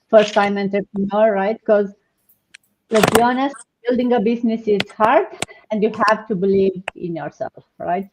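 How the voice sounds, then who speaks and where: On dull, lo-fi video call audio with slight background noise, a Romanian woman hosts a live online panel. Her medium-pitched voice is a little mellow, and she speaks hesitantly, with lots of fillers and restarts.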